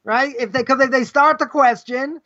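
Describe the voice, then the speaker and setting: A man's voice: very high-pitched, fairly even intonation, moderate pace, bright, forceful tone. A middle-aged man, a rabbi, giving a live, rambling lesson, firing rhetorical questions and tagging his points with "right?". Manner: rambling, tags nearly every point with "right?". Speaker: rabbi teaching ethics. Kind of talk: live conversational Torah lesson. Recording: dull lo-fi livestream audio.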